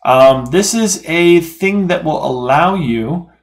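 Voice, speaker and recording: A man's voice: on the high side, animated, takes it slowly. Casual man teaching code on screen. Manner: casual, thinking aloud with fillers and self-corrections. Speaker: programming tutorial host. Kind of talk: screen-recorded coding lesson.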